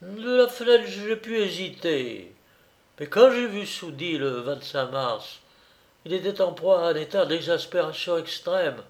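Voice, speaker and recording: A man voicing an agitated woman eyewitness in a read-aloud crime story, raising his voice high and exclaiming. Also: expressive, a little slow. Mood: excited.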